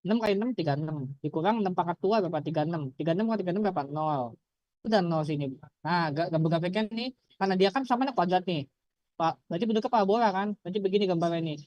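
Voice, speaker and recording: A man's voice: high voice, rapid-fire, a little mellow, dry recording, highs cut off. A young man with an Indonesian accent and a speech impediment on his R, tutoring informally, repeating himself and checking with rhetorical questions. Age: young adult. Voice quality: slurred R, a speech impediment on the R sound. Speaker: student tutor. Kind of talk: informal maths-heavy tutoring explanation.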